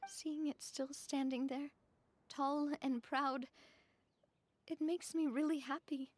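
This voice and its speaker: A weary young heroine. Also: female voice, high voice, steady tone, no echo. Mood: tender. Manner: soft, earnest, slow. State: worn out. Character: young woman leader, weary and vulnerable. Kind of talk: video game voice acting.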